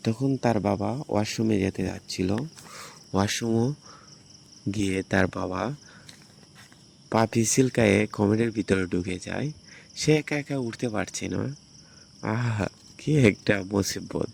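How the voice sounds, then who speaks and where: Low-voiced man narrating a movie recap. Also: fairly even intonation, normal speed, creaky, long pauses, a little mellow, a little hiss or hum.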